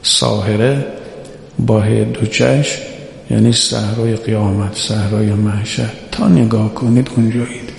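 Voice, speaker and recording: A man preaching a religious sermon who urges his listeners on and slowly chants quoted scripture. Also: on the low side, fairly even intonation, creaky, slight background noise. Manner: exhorting, quotes Arabic scripture in slow chant. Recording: echoey hall reverb.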